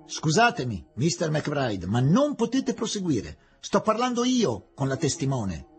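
A man's voice: medium pitch, lively intonation, normal speed, a little mellow, soft background music, lightly acted. A man voicing a small, firm Indian magistrate who speaks formally in a read-aloud story.

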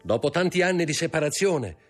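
A man's voice: mid-range voice, sing-song, a little fast, slightly rough, soft background music, pitched above the performer's own voice. A man voicing a sly, eager young schemer.

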